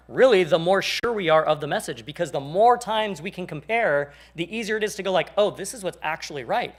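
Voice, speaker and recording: Male church teacher, forties, casual and joking, slightly high voice, acts out quoted people. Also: fairly bright tone.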